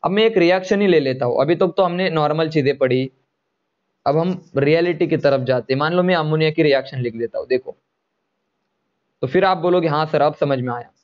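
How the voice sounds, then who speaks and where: Man teaching chem online, higher voice, keeps asking the class to answer, kinda muffled audio. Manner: coaxing, asks students to answer, drawls formula terms slowly. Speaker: chemistry teacher. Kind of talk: online lecture.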